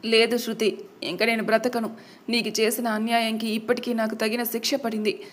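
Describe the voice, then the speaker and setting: A woman's voice: fairly high pitch, flat delivery, moderate pace, close to an everyday voice. A woman doing a dying repentant mother. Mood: resigned.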